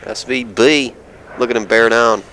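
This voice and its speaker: A man's voice: mid-range voice, fairly even intonation, a little slow, sharp tone, slight background noise, rough recording. A man co-commentating a pool match on a live stream, laid-back, bantering with short reactions.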